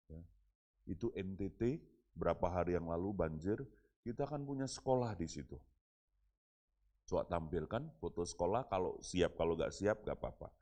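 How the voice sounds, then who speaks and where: Low-voiced male pastor preaching. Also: darkish tone. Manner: conversational, addresses congregation as "saudara". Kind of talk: sermon.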